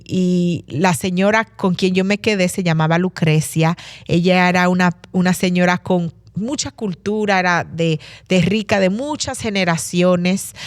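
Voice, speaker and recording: A woman's voice: on the low side, no room sound, clean studio sound. A young woman from Massachusetts giving an interview, speaking thoughtfully with many fillers and restarts. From Massachusetts, USA. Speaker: guest. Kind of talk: conversational interview.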